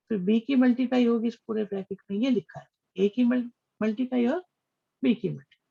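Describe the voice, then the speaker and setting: A man's voice: extremely high pitch, gravelly, dull audio. A man teaching maths in a live online class. He calls students "beta," reads out their names, praises their answers and repeats his questions back to them.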